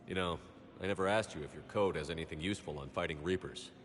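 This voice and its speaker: A steady military commander, acted by a man for a video game. His low voice moves briskly and directly, with long reverb and faint ambience around it. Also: a little hiss or hum, close to an everyday voice. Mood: calm. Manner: direct, matter-of-fact.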